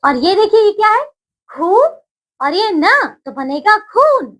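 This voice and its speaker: A woman teaching young children in a slow, patient lesson voice. Her voice sits very high and swings widely, and she lifts each new word in a sing-song way so the children can follow along. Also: sing-song, rough recording. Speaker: primary school Hindi teacher.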